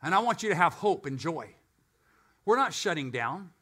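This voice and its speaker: High, bright-voiced preacher man. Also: big pitch swings, moderate pace, breathy edge. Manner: swings from loud and emphatic to quiet and low, joking asides. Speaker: pastor. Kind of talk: live sermon. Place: church with a live congregation.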